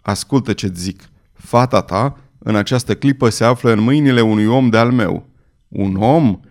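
A brutal nobleman villain, acted by a male narrator, his thick, hoarse voice dropped low. He is cold and commanding and gives short, menacing orders. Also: a little mellow, lightly acted.

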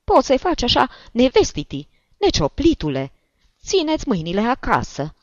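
Shrill, squeaky old woman. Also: big pitch swings, no room sound. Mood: outraged. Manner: whining, indignant, loud. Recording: dull lo-fi recording.

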